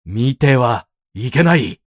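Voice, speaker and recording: A stern, dignified older man barking for calm, then groping for words, as a male narrator puts him on. Loud and authoritative, with a lively swing in pitch. The recording is dry and close. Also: slow, husky, no echo. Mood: commanding. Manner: commanding, shouts, falters for words.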